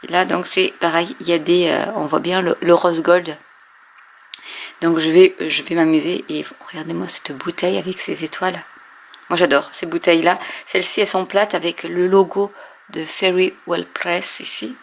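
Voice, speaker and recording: A woman casually showing and testing inks, hesitating often with many fillers and often trailing off softly. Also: fairly low pitch, steady tone, moderate pace, vocal fry, a little hiss or hum. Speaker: craft video host. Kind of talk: casual product demo.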